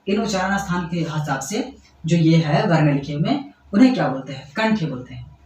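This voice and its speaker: A man's fairly high, lively, slightly mellow voice comes from far off the mic in an echoey room, with slight background noise. He is giving school students a classroom-style grammar explanation, repeating himself, checking in with "ठीक है" and quick questions, and calling them kids fondly.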